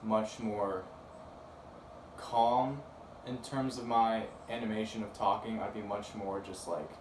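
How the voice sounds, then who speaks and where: Brief: college-age man, low voice, hesitant and relaxed, far from mic in an echoey room with clear noise. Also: slow pace. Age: young adult. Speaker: interviewee. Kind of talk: casual interview answers. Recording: roomy, distant, noisy.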